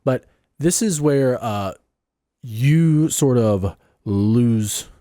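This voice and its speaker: A man rambles through sarcastic, mock-serious commentary on a video. His pitch swings animatedly between high jabs and low muttered asides. The sound is dry and close. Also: expressive, very slow, dark tone, no echo. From Southern United States. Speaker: reaction video host. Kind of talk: sarcastic commentary over a clip.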